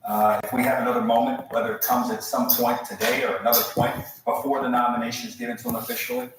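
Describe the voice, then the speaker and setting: A man giving measured political analysis as a panel guest, thinking aloud hesitantly and with many fillers. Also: mid-range voice, animated, noisy background. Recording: echoey room, distant mic.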